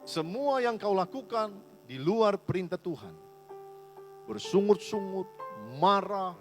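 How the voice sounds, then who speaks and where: A man's voice: high-pitched, animated, takes it slowly, faint music behind. A male pastor preaching a sermon in a church, with an emphatic manner. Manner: emphatic preaching, voicing complaining wives in quotes.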